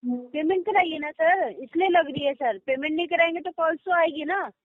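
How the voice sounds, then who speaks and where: A woman works as a loan recovery caller over a tinny phone line, high-pitched and dry. She stays polite but firm and keeps calling the man "sir". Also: normal speed, no room sound. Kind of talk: phone call.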